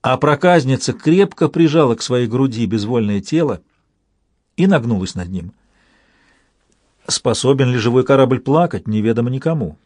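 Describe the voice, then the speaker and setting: Man, audiobook narrator, steady reading, dry close sound. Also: mid-range voice, moderate pace, dry recording. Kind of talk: scripted narration.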